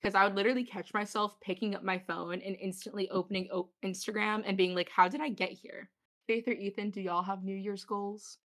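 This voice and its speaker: A woman's voice: mid-range voice, fairly even intonation, brisk, a bit bright. A young woman hosting a podcast, chatting casually with friends in a bubbly, giggly way. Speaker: podcast host.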